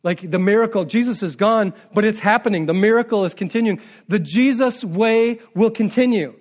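A man's voice: sits high, moderate pace. A male pastor preaching a sermon, retelling the story in a casual, conversational way with offhand asides.

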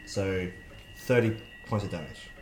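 A man's voice: sits low, a little slow. A man playing a tabletop roleplaying game, chatting casually as he works out his turns and dice. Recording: echoey room, noisy background with clicks.

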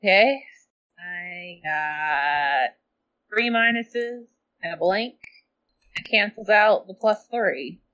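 Woman, tabletop player, casual hesitant talk, mid pitch, dull lo-fi recording. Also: slow, bright, forceful tone. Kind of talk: playing a tabletop game. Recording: dull lo-fi sound.

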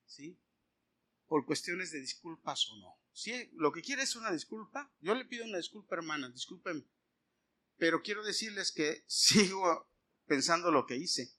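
A middle-aged man, preaching a sermon as he tells a personal story and acts out the dialogue. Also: a little high. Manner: animated storytelling, acting out dialogue.

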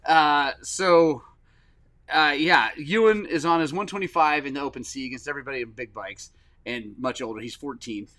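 Casual podcast host, middle-aged man, somewhat high voice, excitable and swinging between loud and soft. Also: moderate pace. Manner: excitable storyteller, swings from loud enthusiasm to choked-up softness. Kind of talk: casual chat.

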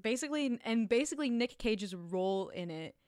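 A woman's voice: fairly high pitch, expressive, brisk, darkish tone, no echo, studio quality. A woman from the US Midwest chatting casually as a co-host, with valley girl phrasing full of "like". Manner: valley girl talk, frequent "like". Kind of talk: casual chat about film and TV.

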